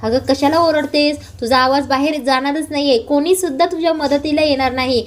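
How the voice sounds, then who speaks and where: A woman's voice: high voice, fairly even intonation, brisk, a little hiss or hum, lightly acted. Woman reading a gloating male villain. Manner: taunting, menacing.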